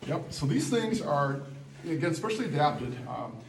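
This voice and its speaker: A man's voice: a little high, sing-song, normal speed. A man working as a cave tour guide, instructing a group and putting questions to them in an echoing cave. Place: inside a cave, group around. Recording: echoey cave, distant mic, faint noise.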